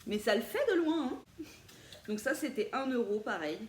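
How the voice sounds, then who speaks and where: Lively, chatty woman vlogger. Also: a little high, normal speed. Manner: chatty, animated, laughs often, playful asides. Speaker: vintage thrift haul vlogger. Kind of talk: casual chat to viewers. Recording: echoey room with faint ambient noise.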